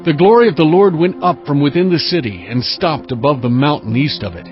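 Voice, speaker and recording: A man's voice: fairly high pitch, lively intonation, close to an everyday voice. Man playing solemn prophet Ezekiel, slightly muffled. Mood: solemn, awed. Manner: solemn, measured, earnest. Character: obedient male Hebrew prophet recounting his visions. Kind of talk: dramatized scripture narration. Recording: muffled sound with music behind. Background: cinematic music.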